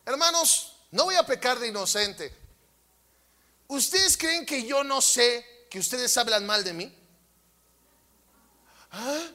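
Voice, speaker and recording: A man with a Mexican Spanish accent, preaching a sermon who acts out voices and then shouts at the congregation. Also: very high voice, lively intonation, takes it slowly, long pauses. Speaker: pastor.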